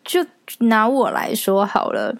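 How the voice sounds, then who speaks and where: A woman's voice: fairly high pitch, unhurried, no room sound, clean studio sound. A young Taiwanese woman hosting a solo podcast, chatting casually and telling stories with a laugh. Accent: Taiwanese Mandarin. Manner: chatty, animated storytelling with frequent laughs. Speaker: podcast host.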